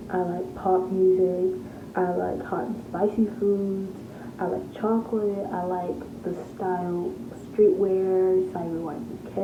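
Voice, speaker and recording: A fifteen-year-old girl from Tennessee, chatting casually as a vlogger, rambling with many fillers. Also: fairly low pitch. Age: teens, fifteen. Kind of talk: casual get-to-know-me chat. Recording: tinny phone-like sound in an echoey room with noise.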